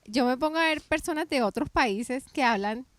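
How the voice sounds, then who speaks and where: Lively woman telling her story. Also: high voice, moderate pace, no echo. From Colombia. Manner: animated storytelling with many restarts and self-corrections. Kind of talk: casual faith podcast chat.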